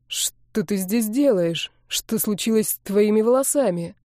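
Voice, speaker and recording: A woman's voice: mid-range voice, animated, measured pace, darkish tone, dry recording, clean studio sound, close to an everyday voice. A woman reading a proud young man who pleads firmly to be heard. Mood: pleading. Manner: pleading, firm.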